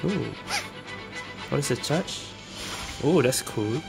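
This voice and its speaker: A gaming host gives casual gameplay commentary, dropping colloquial tags like "lah" and "eh", with video game music playing behind him. His mid-range voice is expressive and slow, with vocal fry.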